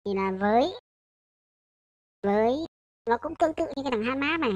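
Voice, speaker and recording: A woman's voice: sits high, expressive, moderate pace, no echo, lo-fi sound. A woman, talking through a programming tutorial in a loose, hesitant way. She corrects herself and keeps checking in with her listeners. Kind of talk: casual coding tutorial.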